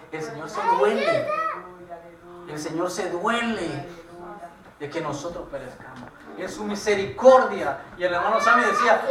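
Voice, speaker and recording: A man preaching a church sermon, moving between hushed pleading and shouted exhortation. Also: sits high, far from the mic, noisy background. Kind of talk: Spanish-language church sermon. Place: church sanctuary with congregation. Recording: echoey church recorded from afar.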